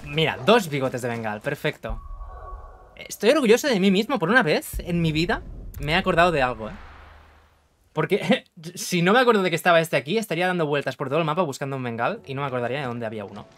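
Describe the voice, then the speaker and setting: A man's voice: on the high side, very animated, quick pace, fairly bright tone, slight background noise. A man with an accent from Spain giving jokey, casual let's-play commentary, talking to the screen and swearing freely. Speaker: gaming streamer.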